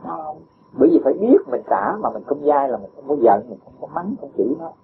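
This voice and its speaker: A gravelly, slightly high male voice with wildly swooping pitch moves at a quick pace. He is a Buddhist teacher giving a patient dharma talk to answer a disciple, explaining with homely examples and chuckling often, recorded dull and lo-fi with faint hiss.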